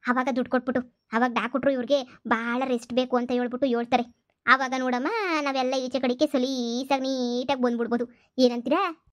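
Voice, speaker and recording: A woman's voice: high-pitched, flat delivery, brisk, no echo, close to an everyday voice. [name], a woman doing a bossy village mother-in-law. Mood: scheming. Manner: bossy, scolding, wails theatrically. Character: scheming loud village mother-in-law in jail. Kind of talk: cartoon comedy voice acting.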